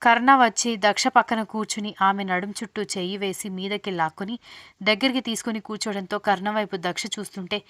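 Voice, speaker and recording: A woman storyteller giving a steady, scripted audiobook narration of a romance novel. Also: medium pitch, fairly quick, no echo, studio quality.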